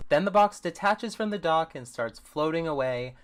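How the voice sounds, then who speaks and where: A woman's voice: low voice, lively intonation, normal speed, faint music behind. A woman hosting a livestream, giving sarcastic, dry running commentary on a movie. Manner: sarcastic, dry, incredulous asides. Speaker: livestream host reviewing a movie.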